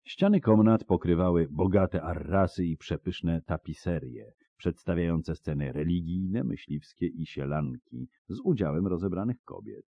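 A male audiobook narrator with a very deep voice. He reads in a steady, measured storytelling style. The recording is dry and a little muffled. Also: vocal fry, no echo. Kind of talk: scripted narration.

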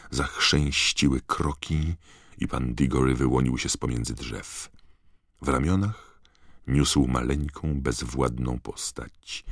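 A man narrating an audiobook in a measured, dramatic reading. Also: very deep voice, creaky, a bit bright, no room sound, clean studio sound. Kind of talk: scripted narration.

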